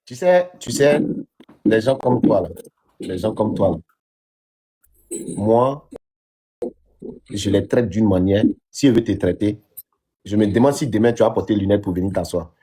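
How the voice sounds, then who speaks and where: A man's voice: on the low side, measured pace, pauses often, mellow, breathy edge. A man arguing in a heated online debate, confrontational and sarcastic. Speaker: TikTok debater. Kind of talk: heated live-stream argument.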